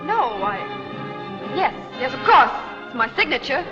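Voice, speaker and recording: A nervous young actress posing as an heiress, her voice high and pleading. The old 1940s soundtrack is dull and lo-fi, with music running underneath. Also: sing-song, measured pace. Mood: frightened. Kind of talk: 1940s film serial acting.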